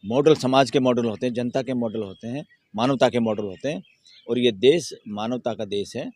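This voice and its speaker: A man speaking as an advocate in an interview, giving long emphatic answers that build into forceful rhetorical questions. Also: medium pitch, moderate pace, no echo. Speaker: Supreme Court advocate, interviewee. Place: outdoors near a courthouse.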